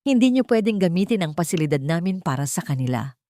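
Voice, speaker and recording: A woman's voice: fairly low pitch, sing-song, fast, dark tone. A woman voicing a cold, cruel female hospital official.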